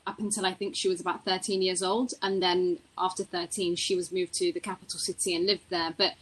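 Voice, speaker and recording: A woman on a panel telling a family story in a relaxed, chatty way, with repeated fillers. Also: fairly low pitch, brisk, husky, low-quality recording. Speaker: panel guest. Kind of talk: casual panel conversation.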